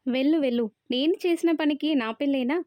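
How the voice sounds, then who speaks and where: A woman voicing a lively, teasing young friend who is about to marry, read in a brisk, teasing manner. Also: high voice, no room sound, natural voice. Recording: dry, slightly dull recording.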